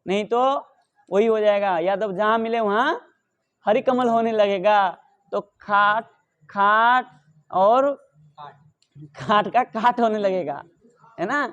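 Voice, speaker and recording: A middle-aged man teaching Sanskrit grammar, asking questions and answering them himself, reciting the rules slowly. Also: high-pitched, a bit bright, highs cut off. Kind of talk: explaining grammar rules in a lesson.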